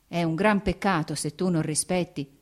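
Woman reader doing a stiff young nobleman, audiobook; terse, lowish. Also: moderate pace, close to an everyday voice. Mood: restrained anger. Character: proud young nobleman, stiff, restrained anger.

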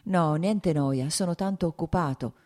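An earnest, anxious young man from a classic novel blurts his words out with feeling, as a woman narrator puts him on. The voice stays low and dark-toned. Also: measured pace.

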